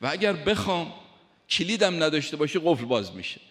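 A man preaching a sermon, emphatic, speaking straight to his listeners and reciting scripture slowly. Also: on the high side, very animated, a bit bright. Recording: long hall reverb.

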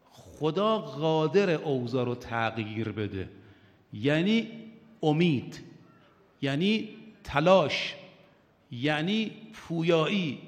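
A man's voice: fairly high pitch, long reverb tail. An older man preaching an impassioned religious sermon, with rising and falling emphasis and recited quotations.

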